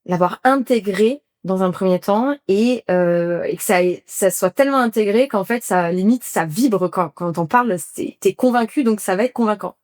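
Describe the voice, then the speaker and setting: A woman with a medium-pitched voice hosts a relaxed interview. She listens closely, nudges the talk along with short affirmations, and rephrases her guest's points. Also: moderate pace, hardly any pauses. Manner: attentive, encouraging interviewer with frequent backchannels. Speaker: podcast host. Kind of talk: casual conversational interview.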